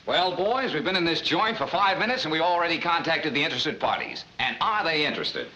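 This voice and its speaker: An actor playing a smooth-talking male con man, slick and persuasive, in 1940s film acting. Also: a little high, expressive, brisk, sharp tone, a little hiss or hum, rough recording. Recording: old 1940s film soundtrack.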